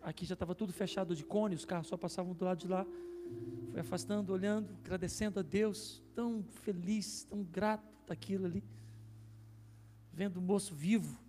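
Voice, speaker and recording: A Brazilian pastor gives a sermon testimony in a church hall, telling a story with emotion that builds in intensity at its peaks. His voice is high-pitched and steady in tone, and he speaks fairly quickly. The recording is reverberant, with soft music in the background.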